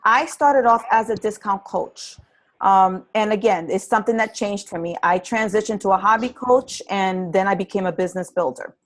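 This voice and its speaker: A woman at a medium pitch and moderate pace runs a live conference-call session training new fitness business coaches. Her tone is sincere and supportive, sprinkled with ums and restarts.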